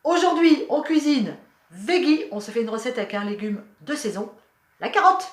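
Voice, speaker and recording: A woman hosting a home cooking show, chatting warmly and explaining each step of a recipe. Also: on the high side, animated, moderate pace. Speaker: cooking channel host. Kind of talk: cooking demonstration. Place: home kitchen.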